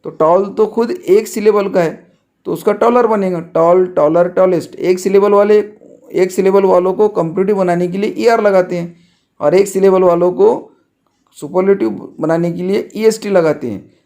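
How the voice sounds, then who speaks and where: A man teaching a grammar lesson, patiently restating the rules and dictating example sentences slowly, word by word. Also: high voice, steady tone, mellow.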